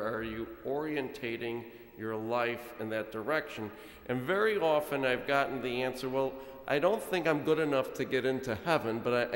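A man's voice: mid-range voice, fairly bright tone. A middle-aged man preaching as a priest at a church lectern, telling a family story with laughs. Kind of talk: sermon. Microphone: far camera, lectern microphone. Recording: echoey church from a distance.

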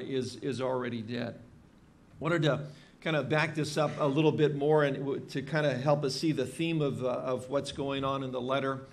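Pastor, man in his 50s, mid-pitched, easygoing sermon delivery full of fillers, lectern mic in a church. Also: slight background noise. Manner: conversational, many fillers and restarts. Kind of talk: expository sermon. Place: church stage with drum kit behind.

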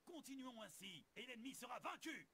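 A man's voice: very high voice, sing-song, brisk, very noisy. An actor playing a medieval general who rallies his troops in a strategy game, declaiming solemnly. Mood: rousing. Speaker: in-game commander voice. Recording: distant game voice under loud music.

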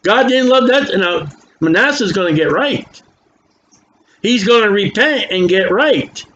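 An elderly man preaches with a high voice, lively intonation and a fairly bright tone, reading scripture slowly between emphatic, folksy asides. His s sounds whistle through dentures on a dull, faintly noisy lo-fi recording.

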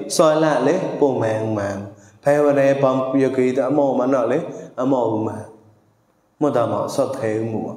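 A man performs traditional verse, calling out with sharp exclamations and drifting into song now and then. His voice sits at an ordinary middle pitch. It rings through a big hall, and each line trails off in a long echo. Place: monastery hall. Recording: echoey hall with long reverb.

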